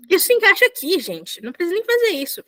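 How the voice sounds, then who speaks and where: Young woman, high bright voice, casual video-call teacher who corrects herself and keeps checking in. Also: sing-song, moderate pace. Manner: chatty, self-correcting, frequent checks with students. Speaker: volunteer Korean teacher. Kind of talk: casual online lesson.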